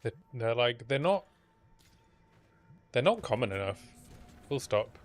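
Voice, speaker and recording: A man's voice: mid-range voice, sing-song, measured pace, soft background music. Man musing through his gameplay. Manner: musing aloud to himself while playing. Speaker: game streamer. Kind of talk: casual gameplay commentary.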